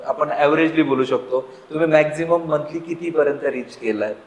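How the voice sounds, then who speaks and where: A man's voice: a little high, brisk, echoey room, poor audio. A man hosting a podcast, who talks in a frank, chatty way and tells personal stories while asking his guest questions. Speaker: podcast host. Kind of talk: casual conversational interview.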